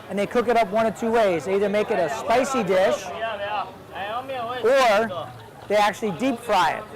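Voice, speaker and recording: Travel host, man, high voice, easygoing on-location food chat, loud crowd behind. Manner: easygoing, chatty, trying street food. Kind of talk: casual on-location food commentary. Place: outdoor night market. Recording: noisy crowd outdoors. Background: busy crowd chatter.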